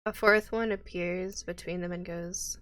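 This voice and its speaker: Unhurried woman game master. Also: fairly low pitch, fairly even intonation, fairly bright tone, no echo. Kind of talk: narrating a tabletop game on a livestream.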